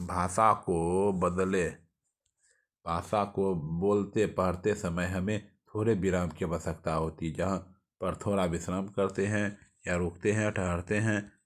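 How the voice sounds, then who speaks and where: Guy with a bihari hindi accent doing fast exam revision, very low voice, keeps restarting and saying okay. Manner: reads notes aloud with restarts and "ठीक है" checks. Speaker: teacher.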